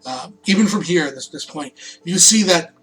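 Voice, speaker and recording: A man running a tabletop game as game master, improvising descriptions in a casual, halting way. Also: a little high, animated, music in the background.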